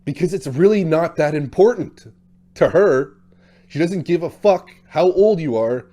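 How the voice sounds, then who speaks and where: Here a man in his thirties or forties, working as a dating coach, gives a blunt, casual talk on dating straight to camera, full of fillers. He speaks at a measured pace in an expressive, dark-toned voice on the high side. He's talkative and performs quotes in varying voices.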